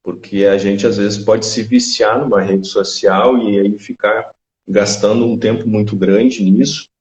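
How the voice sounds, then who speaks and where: A man's voice: fairly low pitch, fairly even intonation, measured pace, a little mellow. A man hosting a casual interview, talking in a rambling way and correcting himself as he goes. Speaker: interview host. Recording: dull, echoey remote audio.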